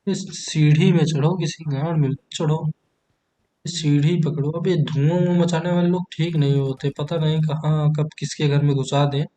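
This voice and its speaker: A man's voice: fairly high pitch, steady tone, moderate pace, dark tone. Joking young man narrating gameplay. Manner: joking storyteller, crude banter with teammates. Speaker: gaming YouTuber. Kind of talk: comedic gameplay commentary.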